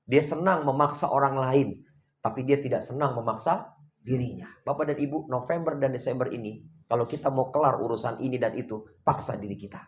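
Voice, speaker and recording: A middle-aged man giving a motivational seminar talk, animated, swinging between loud and hushed, often chuckling. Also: medium pitch. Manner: chuckles often while telling stories. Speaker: motivational coach.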